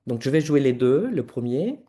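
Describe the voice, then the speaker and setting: A man's voice: mid-range voice, very animated, normal speed, dark tone. A male researcher giving an academic conference presentation, explaining his slides step by step and talking directly to the audience.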